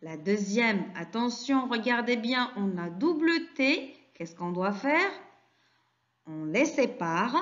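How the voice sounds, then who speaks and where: A French teacher leads a classroom lesson for very young children, speaking slowly and deliberately with every word stretched and pauses left for answers. Her slightly high voice asks questions and gives quick praise in a patient manner, and the recording is dull and a little lo-fi.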